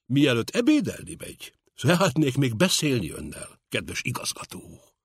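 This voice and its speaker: Guy doing a stiff pompous boss, formal, kind of husky, storybook reading. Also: medium pitch, huge pitch swings, no room sound, studio quality, pitched above the performer's own voice. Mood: stiffly formal. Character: pompous male general director, stiff and formal.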